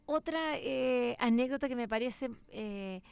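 A woman's voice: on the high side, measured pace, gravelly, clear, resonant tone, no room sound. A woman, a journalist interviewing a poet, hesitant with many fillers but enthusiastic. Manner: hesitant, full of "eh" fillers and restarts, warmly enthusiastic. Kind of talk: cultural interview.

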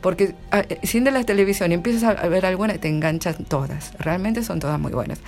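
Soft music plays behind a middle-aged Argentine woman, a literary translator, as she gives casual interview answers with frequent laughs and plenty of restarts. She talks fast in a lowish, darkish voice, with an Argentine Spanish accent.

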